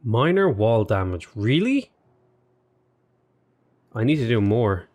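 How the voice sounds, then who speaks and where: Slow and sing-song, a gaming YouTuber's mid-range, darkish voice carries his casual let's play commentary on a strategy game. He thinks out loud, rambles and speaks to his game units, and he sounds a little sniffly and unwell.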